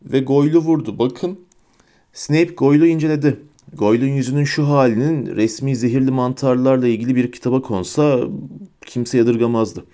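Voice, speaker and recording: A man narrating an audiobook in a measured, expressive storytelling manner. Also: medium pitch.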